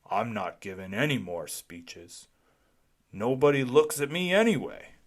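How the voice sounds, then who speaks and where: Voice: mid-range voice, very animated, measured pace. A performer voicing an earnest, emphatic police officer. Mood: glum. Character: earnest police officer reciting safety tips.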